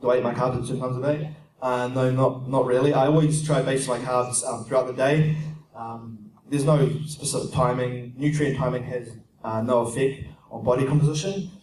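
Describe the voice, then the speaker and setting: A young fitness speaker with a New Zealand accent answers questions from the audience at a casual expo talk, brisk and plain-spoken with many "um"s, in a medium pitch. Heard through a distant camera despite his handheld mic, he sounds far away in a roomy, echoing conference hall with faint noise around him.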